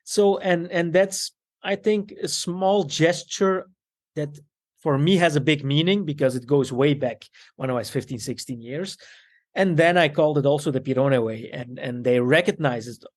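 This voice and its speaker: Italian-accented man, light pitch, halting guest talking shop. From Italian, raised in Belgium. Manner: halting, repeats words. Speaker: guest, tailor. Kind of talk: casual interview.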